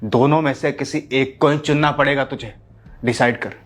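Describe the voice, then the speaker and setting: In a family drama skit, a man plays a harsh, domineering husband who angrily shouts rude commands and speaks with scorn. His voice is mid-range, steady, at normal speed, and lightly acted.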